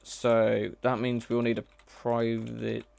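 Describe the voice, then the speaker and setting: Gravelly man coding and thinking aloud. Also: medium pitch, monotone, slow, darkish tone. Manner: thinks aloud, hesitant, self-correcting. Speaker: mod developer streaming live. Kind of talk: casual live coding commentary.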